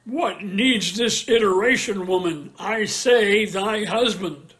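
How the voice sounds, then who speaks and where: Brief: a man reading a tormented jealous general, slow and heavy in the verse, voice sitting fairly high. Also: fairly bright tone. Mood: accusing. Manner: slow, weighty verse delivery. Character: jealous tormented male general, middle-aged. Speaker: reader in an online play reading. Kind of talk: dramatic Shakespeare reading. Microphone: video call.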